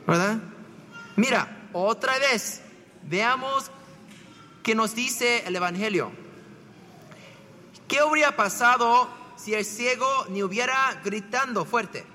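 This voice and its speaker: A man's voice: very high voice, slow pace, long pauses, pushed and bright, in a large hall, a little hiss or hum. A man, a priest, preaching a conversational homily full of rhetorical questions and repeated "¿verdad?".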